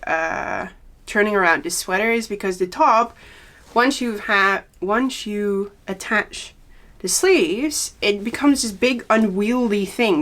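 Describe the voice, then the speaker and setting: A young woman hosting a knitting podcast, chatting casually and thoughtfully with frequent pauses and a touch of nerves. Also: mid-range voice, a bit bright. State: a little nervous. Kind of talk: casual chat.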